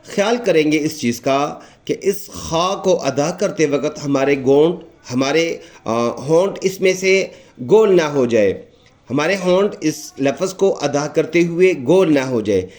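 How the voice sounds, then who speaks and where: A man with a Pakistani Urdu accent giving a patient recitation lesson, explaining each letter and repeating it slowly and drawn out. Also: a little high, lively intonation, a little mellow. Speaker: Quran recitation teacher.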